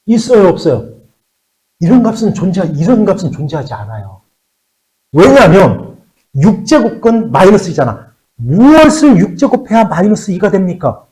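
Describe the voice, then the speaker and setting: Lively male math teacher. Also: high-pitched, normal speed, low-quality recording. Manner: keeps checking with students, repeats key words. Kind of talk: classroom math lecture.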